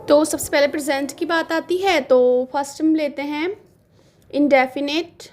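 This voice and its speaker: High-pitched female teacher, patient and repetitive, drawing words out slowly for a classroom grammar lesson. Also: fairly even intonation, slight background noise. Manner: patient, repeats words slowly while writing.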